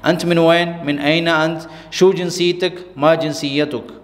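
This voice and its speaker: A man, teaching a spoken-language lesson and repeating example phrases slowly and deliberately. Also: a little high, steady tone, in a large hall. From Pakistan. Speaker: Arabic teacher.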